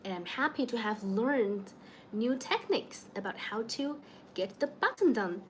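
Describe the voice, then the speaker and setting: Chatting with viewers from home in the evening, a young Chinese-accented livestream host from China laughs frequently and greets people by name. Her voice is fairly high, a little slow, and lively in intonation, with slight background noise.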